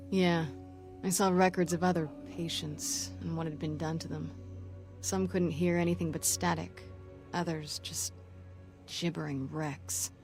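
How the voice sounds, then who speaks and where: Christine, a terse wounded operative. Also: female voice, low-pitched, fairly even intonation, a little slow, darkish tone, faint music behind. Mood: grim. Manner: terse, clipped, matter-of-fact. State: sore throat. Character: hardened female operative, wounded voice, grim. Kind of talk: video game dialogue.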